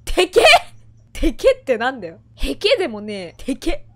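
A young woman giving casual horror game commentary into a close mic, talking bluntly in rough slang. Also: high-pitched, huge pitch swings, normal speed. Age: young adult. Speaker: gaming streamer.

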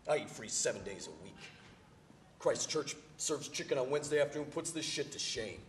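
A man's voice: mid-range voice, lively intonation, a little fast, lightly acted. A man as a nagging street hustler, echoey stage. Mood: angry, demanding. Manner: slangy, insistent, flaring up loudly. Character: hot-tempered, nagging homeless street man craving cigarettes. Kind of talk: one-man stage play dialogue. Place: theater stage. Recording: distant, echoey theater stage, faint noise.

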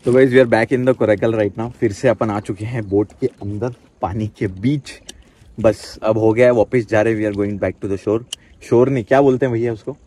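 A young man excitedly narrates a casual travel vlog in Hindi mixed with English words, speaking into a handheld camera outdoors near a river and in a small round boat. He has a fairly low pitch and a moderate pace.

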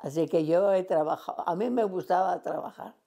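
A woman's voice: lowish voice, normal speed, creaky, mellow. A woman over a hundred, rambling through memories in an oral history interview. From Cantabria, Spain. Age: 100s. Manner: rambling reminiscing, acts out remembered dialogue.

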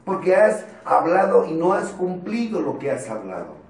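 With a Mexican Spanish accent, a man gives a loose, joking pep talk to a support group, blunt and casually swearing. His voice is fairly high and darkish in tone, very animated, at a normal speed. The audio sounds roomy, as if from a distant mic, with faint noise.

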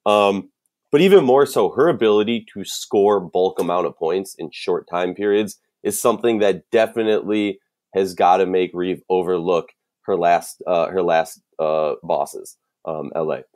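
A man with a Minnesotan accent talks over a casual sports podcast. His voice sits on the low side. He thinks out loud, circling back through restarts and fillers before he lands his point. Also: moderate pace. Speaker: podcast co-host.

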